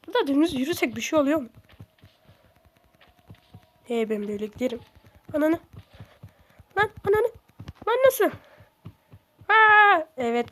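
A young woman giving casual, excitable commentary while playing a video game, swearing and shrieking at it. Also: a little high. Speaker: gaming streamer.

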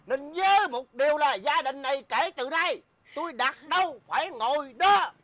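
A woman in a stage comedy sketch playing a gruff, bossy father who is blunt and quick to panic. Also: sits high, expressive, dull audio.

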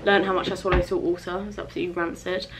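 A woman's voice: fairly low pitch, level tone, very fast, a loud crowd, low-quality recording. A young woman chatting casually to camera on a travel vlog, giggly and full of fillers. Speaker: travel vlogger. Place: theme park outdoors, then hotel room. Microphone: handheld camera.

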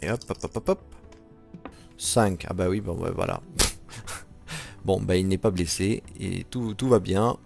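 A man's voice: low voice, slow pace, vocal fry, long pauses, a little mellow, faint music behind. A man commenting on a solo board game playthrough, counting moves aloud and muttering asides.

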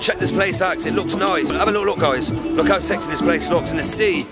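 A man's voice: on the high side, fairly quick, loud music behind the voice. A man, vlogging a boat trip outdoors in a chatty, slangy, upbeat way, filmed on an action camera on a selfie stick. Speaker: travel vlogger. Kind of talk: casual travel vlog.

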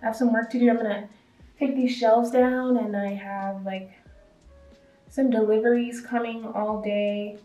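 Young woman vlogger, 20s, slightly high voice, casual and chatty, a bit out of breath, faint music bed. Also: steady tone, a little slow, mellow, muffled recording. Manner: chatty, upbeat, talking to viewers. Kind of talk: casual home tour vlog. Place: empty house, indoors.

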